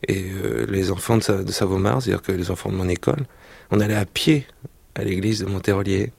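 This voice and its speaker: A man's voice: sits low, fairly quick, gravelly, a little mellow, breathy edge, dry recording. A man, an actor, recalling his childhood reading in a radio interview, thoughtful and full of restarts. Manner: hesitant, thoughtful, many restarts. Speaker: actor, guest. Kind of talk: reminiscing interview and reading aloud.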